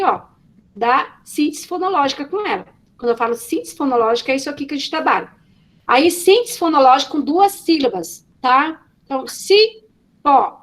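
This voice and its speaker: A woman's voice: high-pitched, a bit bright. A woman teacher giving an online class on a video call, explaining step by step and often checking in with her students.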